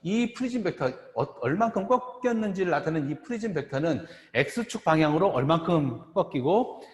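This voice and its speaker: A middle-aged man gives a university lecture in a lively voice that swings up and down. He speaks haltingly, repeating phrases and checking in with the class. The sound is roomy, with a long, hollow reverb trailing each phrase. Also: on the high side. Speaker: optometry professor. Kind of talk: lecture at a board.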